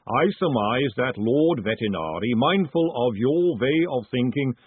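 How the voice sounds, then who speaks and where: A man voicing a calm, literal-minded male clay golem with a slow, rumbling, formal way of speaking. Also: breathy edge, no room sound. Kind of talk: audiobook narration. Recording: dry, phone-like narrow band.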